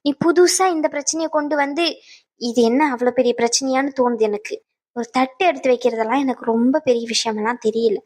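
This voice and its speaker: An actress playing a patient married daughter who calmly pleads with her mother, in a serial drama. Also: fairly high pitch, fairly quick, natural voice. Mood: soothing, pleading. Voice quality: soft, pleading, placating.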